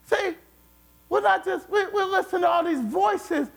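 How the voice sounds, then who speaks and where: A man preaching a sermon with emphatic repetition, at times rising to shouts. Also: extremely high pitch, normal speed, vocal fry. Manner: emphatic, repeats words, rises to shouts.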